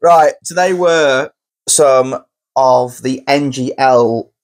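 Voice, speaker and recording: A man co-hosting a podcast, reading out listener messages with animated, giggly chat. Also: mid-range voice, slow pace. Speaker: podcast co-host. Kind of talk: casual chat.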